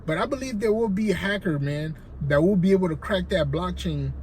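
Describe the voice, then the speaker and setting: In a casual to-camera talk, a Haitian-accented finance vlogger rambles on, constantly checking in with "right?" His voice is high-pitched, fairly quick and a little mellow, and the poor audio has a little hiss or hum.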